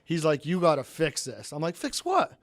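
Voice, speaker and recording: A man's voice: brisk, no room sound. A man, a race car driver, telling stories in a casual podcast interview, acting out the people he quotes. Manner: animated storyteller, jumps high when quoting others.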